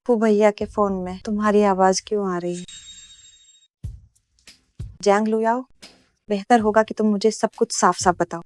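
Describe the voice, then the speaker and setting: A woman's voice: mid-range voice, steady tone, moderate pace, long pauses, darkish tone, soft background music, natural voice. A woman voicing a jealous, possessive young woman in a dubbed drama, demanding answers in an accusing way.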